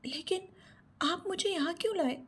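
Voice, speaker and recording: A woman voicing a timid, frightened young woman in an audio story, speaking softly and pleadingly in a raised voice. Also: very high-pitched, moderate pace, voice pushed up. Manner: pleading, soft and shaky.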